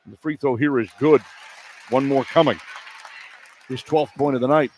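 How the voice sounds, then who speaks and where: Speaking at medium pitch and a moderate pace, this American man delivers radio play-by-play of a basketball game in short, running bursts that follow each play. He's courtside in an indoor arena, and the live broadcast carries clear background noise, including a faint crowd.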